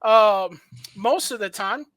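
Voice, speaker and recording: A woman's voice: medium pitch, slow pace, a bit bright, dry recording. A woman from South America, co-hosting a casual debate and defending her view eagerly with many restarts.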